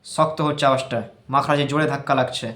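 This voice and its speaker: A man's voice: a little high, fairly even intonation, a bit bright. Bengali man teaching recitation, echoey room. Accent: Bangladeshi Bengali. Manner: explains slowly, repeats and drills single letter sounds. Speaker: tajweed teacher. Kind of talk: religious recitation lesson.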